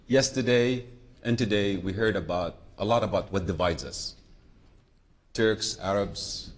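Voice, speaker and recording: A man's voice: lowish voice, a little hiss or hum. A middle-aged man from southern Iraq speaking on a conference panel, talking off the cuff, wandering off topic and often restarting sentences. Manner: unscripted, digressive, frequent restarts.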